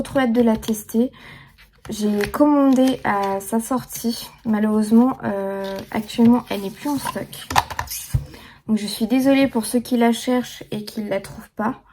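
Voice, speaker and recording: A woman's voice: fairly high pitch, warm tone, slight background noise. A young woman chatting casually through a makeup tutorial, full of fillers and restarts. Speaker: beauty vlogger.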